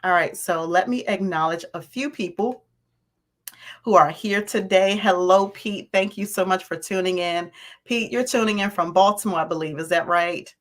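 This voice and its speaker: A woman with a raspy voice hosting a live stream, greeting viewers by name and repeating her points. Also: on the low side, normal speed. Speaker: host of a livestream on landlord and tenant topics.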